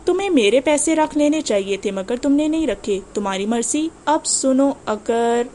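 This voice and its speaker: A woman voicing a cold, arrogant wealthy man in an audiobook, speaking in a cool, cutting, measured way. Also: high voice, expressive, dark tone, slight background noise. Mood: menacing.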